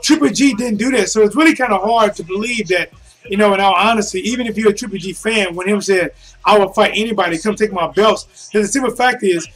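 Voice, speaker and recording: A man with a noticeably high voice delivers unscripted boxing commentary. He talks casually and colloquially, addressing his listeners like friends as he works through his points. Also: fast, a bit bright, soft background music, rough recording. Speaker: boxing commentator streaming to viewers. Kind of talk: casual off-the-cuff fight commentary.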